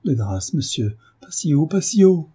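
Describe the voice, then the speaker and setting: A man reading a frightened but dignified young wife, pleading in a restrained way, with a husky, dark voice raised a little. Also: a little high, very animated, moderate pace, pitched above the performer's own voice, heavily acted. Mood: pleading, fearful.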